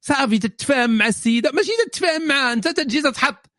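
A man's voice: very high voice, fairly bright tone, no room sound, studio quality. A man with a Moroccan accent hosting a solo question-and-answer show, delivering a sarcastic, mocking monologue. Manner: sarcastic, mocking, rapid-fire. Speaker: host answering viewer questions.

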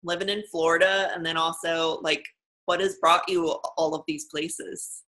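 A woman's voice: sits low, steady tone, unhurried, pushed and bright, low-quality recording. Friendly woman asking questions. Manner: friendly, encouraging, laughs often. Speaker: interviewer. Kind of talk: casual conversational interview.

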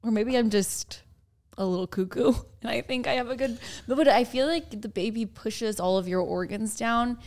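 A young woman with a gravelly rasp in her voice talks like a podcast co-host among familiar company. She is playful and animated, teasing as she goes in loose, casual conversation. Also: a little high, moderate pace. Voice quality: raspy, gravelly voice.

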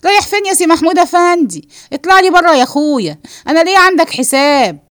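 A woman voicing a brash, defiant young woman with an Egyptian accent, shouting and sharp-tongued in a read-aloud play. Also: high-pitched, animated, quick pace, no echo, clean studio sound. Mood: scolding.

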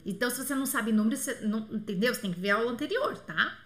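A woman, teaching a live online French lesson. She patiently repeats phrases slowly to model pronunciation and answers viewers' questions by name. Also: on the high side, lively intonation.

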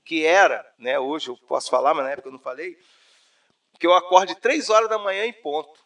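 A Brazilian man with a fairly high voice tells a personal story to an interviewer. He is animated and slangy, and the mic sits some way off from him. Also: fairly quick, distant mic. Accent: Brazilian Portuguese. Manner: animated storyteller, says "cara" often. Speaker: interview guest. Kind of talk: personal testimony, casual conversation.

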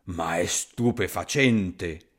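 A man voicing a big, gruff forest monster in a storybook reading, slow and rumbling.

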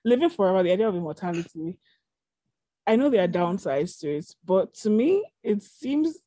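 A woman's voice: medium pitch, big pitch swings, normal speed, warm tone, no echo. A young adult woman co-hosting a casual podcast chat, talking in a rambling way with lots of fillers. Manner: chatty, rambling, many fillers.

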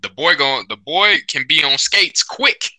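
A man's voice: on the high side, big pitch swings, a little slow, pushed and bright, dry recording, poor audio. A man in casual sports chat, talking in a slangy, bro-heavy buddy manner.

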